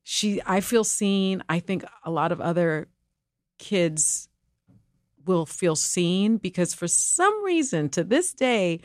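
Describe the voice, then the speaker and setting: In an interview, a middle-aged woman whose native language is Spanish speaks candidly and emphatically as co-host and guest, animated, laughing and restarting her sentences. Her voice sits on the low side and moves slowly, captured in studio quality with no echo.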